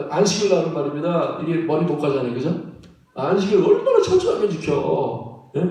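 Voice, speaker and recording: A man preaching a sermon as pastor, animated and laughing often, often checking in with the congregation. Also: sits high. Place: church sanctuary. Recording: echoey church hall from far off.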